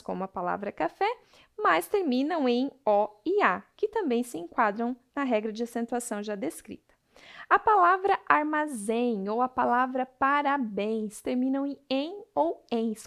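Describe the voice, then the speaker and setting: A Brazilian woman teacher giving a recorded grammar lesson, explaining rules and slowly stressing each example word. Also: high-pitched, vocal fry. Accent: Brazilian Portuguese.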